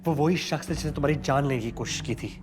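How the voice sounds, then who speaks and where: A man's voice: on the high side, fast, background noise, close to an everyday voice. A man playing a protective young husband. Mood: tense, worried. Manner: earnest, swings between urgent worry and teasing. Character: young husband, protective, quick-tempered but tender. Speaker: lead actor in a TV drama. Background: drama background score.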